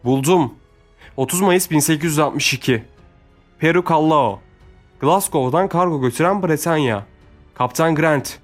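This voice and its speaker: A man voicing a loyal ship captain who reports briskly to his lord, in a Turkish storybook reading. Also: fairly high pitch, soft background music, pitched above the performer's own voice, natural voice. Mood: excited.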